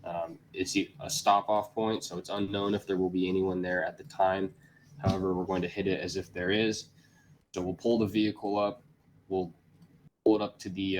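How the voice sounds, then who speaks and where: A man's voice: low-pitched, a little hiss or hum, low-quality recording. A man giving a tactical military mission briefing as a squad leader, in a grave, commanding, matter-of-fact manner. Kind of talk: tactical mission briefing, semi-scripted explanation.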